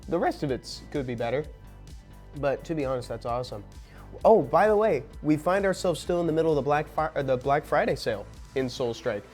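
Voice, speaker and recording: Upbeat young man hosting a game stream. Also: medium pitch. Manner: upbeat, excitable, talks with mouth full. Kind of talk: casual live-stream chat while eating.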